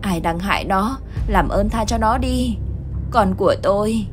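A woman's voice: mid-range voice, measured pace, over music, pitched above the performer's own voice, close to an everyday voice. A woman voicing a grieving village mother who wails and cries over her child. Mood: wailing. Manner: wailing lament. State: crying.

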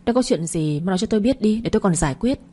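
Confused old dad wanting answers, woman reading him, mellow husky voice. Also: medium pitch, animated, racing. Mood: puzzled. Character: puzzled older father, head of household.

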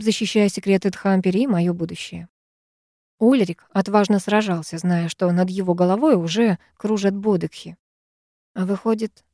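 Brief: emotive female audiobook narrator, warm dark tone, even pitch. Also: no room sound, studio quality. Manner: dramatic, emotive. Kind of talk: first-person fiction reading.

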